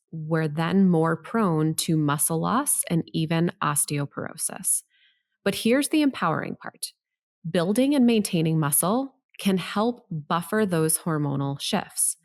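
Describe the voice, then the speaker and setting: A middle-aged woman hosting a health podcast with upbeat, tidy advice-vlogger delivery, encouraging and organized as she speaks straight to the listener. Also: low voice.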